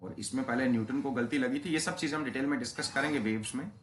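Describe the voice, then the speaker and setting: Man, physics teacher, classroom lecture, slow stressed key terms, sudden emphatic jumps, mid-pitched voice, roomy echo. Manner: explains in Hindi mixed with English terms, drawing out key phrases slowly; calls students "beta ji", stresses points with sudden rises in pitch and loudness. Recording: roomy echo, faint background hiss.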